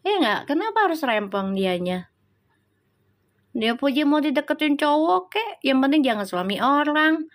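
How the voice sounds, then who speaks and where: A woman's voice: sits high, sing-song, unhurried. A woman, hosting a casual live stream, reading viewer comments and scolding them with rhetorical questions.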